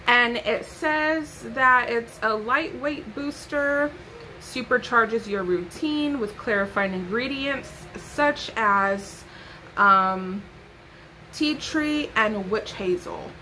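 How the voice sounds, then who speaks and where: A woman's voice: a little high, slow, pushed and bright, a little hiss or hum, poor audio. Sassy chatty young woman vlogger. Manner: sassy, playful asides, chatty. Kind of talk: casual haul chat to camera. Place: bedroom.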